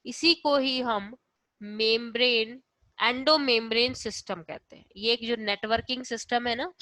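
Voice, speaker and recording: Female teacher, fairly high voice, dry close sound, steady question-and-answer lecture style mixing English terms in. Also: no room sound, poor audio. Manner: keeps asking and answering her own questions; checks in with "okay" after each point. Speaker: biology teacher. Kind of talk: class lecture.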